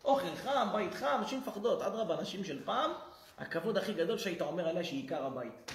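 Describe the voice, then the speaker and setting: A man's voice: high-pitched, slight background noise. A man, a rabbi, giving a humorous lesson in a synagogue and acting out the people in his stories. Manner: lively storyteller who acts out quoted people. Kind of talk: humorous sermon. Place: synagogue hall. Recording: roomy synagogue echo.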